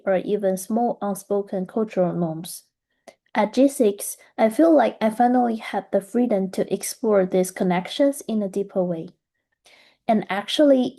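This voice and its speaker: Mellow-voiced woman presenting her studies. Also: medium pitch. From Taiwan. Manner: measured, earnest, reflective. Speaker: graduate student presenter. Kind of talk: scripted presentation.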